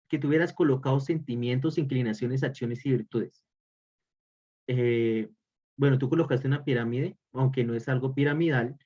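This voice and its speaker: Man, mid-pitched teacher voice, repeats key points, muffled call audio. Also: darkish tone. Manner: repeats key phrases for emphasis. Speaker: religious formation teacher. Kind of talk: online class lecture. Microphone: video call.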